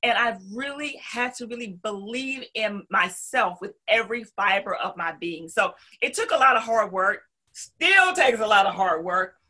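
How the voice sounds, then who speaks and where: Being interviewed, a middle-aged Southern woman from North Carolina recounts her story conversationally, emphatic and sprinkled with folksy asides. She speaks at medium pitch and normal speed, her delivery expressive, bright and pushed.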